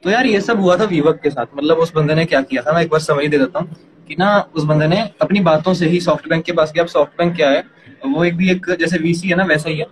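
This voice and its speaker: A young man casually explaining startup funding to a co-host, talking quickly and animatedly. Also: fairly high pitch. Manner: rapid, animated, addresses partner as yaar and bhai. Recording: noisy background ambience.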